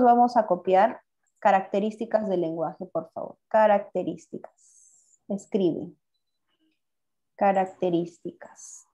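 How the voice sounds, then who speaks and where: Profesora de lenguaje con voz cálida. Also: female voice, mid-range voice, dark tone. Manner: asks students questions and praises answers. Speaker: language teacher. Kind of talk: online class lesson.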